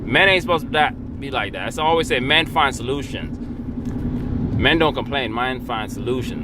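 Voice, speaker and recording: Man, young adult, casual vlog rant, profane, blunt, mid-pitched voice, loud street noise. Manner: blunt and profane, swings from low mutter to loud outbursts. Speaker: vlogger.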